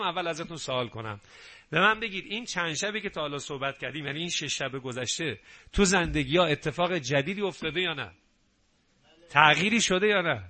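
A middle-aged man preaching a sermon on family life, animated, acting out quarrels between spouses. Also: fairly high pitch. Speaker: preacher giving a nightly family talk.

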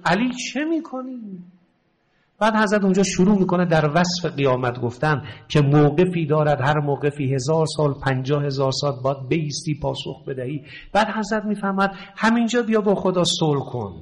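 A man preaching an emotional religious sermon, slipping into slow, tearful chanted prayers. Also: sits high, fairly bright tone, rough recording. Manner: chants prayer lines slowly with tearful swells.

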